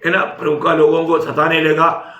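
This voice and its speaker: Male preacher, somewhat high, bright and forceful delivery, emphatic sermon, echoey hall. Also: completely flat delivery, normal speed, dull audio. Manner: emphatic, with tag questions to the congregation. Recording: echoey room.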